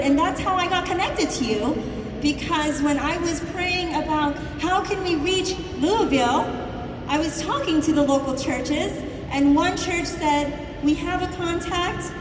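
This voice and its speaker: A woman's voice: sits high, noisy background. A woman interviewing a guest on a conference stage, leading the talk and summing up the answers. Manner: leading, summarizing, prompting questions. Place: large convention hall. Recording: echoey hall, distant mic, music.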